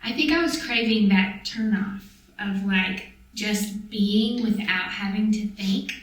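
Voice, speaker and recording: A woman's voice: mid-range voice, takes it slowly. A woman in casual, reflective conversation who strings her thoughts together in long, flowing sentences. She sits well back from the microphone, and her voice fills a very echoey room. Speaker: vlog co-host. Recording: echoey room, distant mic.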